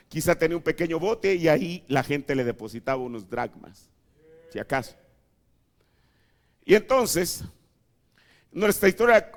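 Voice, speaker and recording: Dramatic preacher, high voice. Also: male voice. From Mexico. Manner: dramatic, swinging from hushed asides to shouted emphasis. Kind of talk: sermon. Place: church tabernacle.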